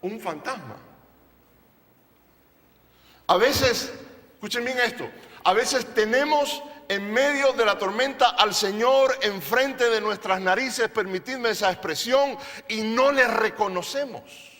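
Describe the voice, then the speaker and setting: A man with a high, bright, ringing voice preaches to his congregation at an unhurried pace. He leans on emphasis, tosses rhetorical questions at the room and slips in jokes. The sound carries a long church-hall reverb. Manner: playful, jokes with the audience. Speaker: pastor. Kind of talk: sermon. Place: church service.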